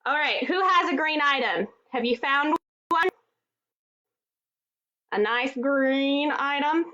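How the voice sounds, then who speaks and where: A Texas music therapist leads a children's movement and music class, cheerfully talking straight to the kids at home through a computer microphone. Her high voice is slow and sharp-toned, and the audio has its highs cut off.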